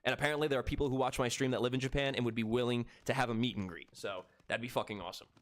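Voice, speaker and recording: A man's voice: mid-range voice, fairly even intonation, very fast. A man in his thirties chatting casually with viewers during a live game stream, laid-back and profane. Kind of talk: casual live-stream chat while gaming.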